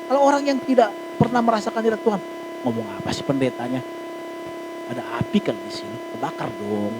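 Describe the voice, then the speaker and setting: A man preaching as a pastor at a church service, in a lively conversational way with jokes and acted asides. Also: high-pitched, fast, heavy background noise. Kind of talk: sermon. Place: church hall.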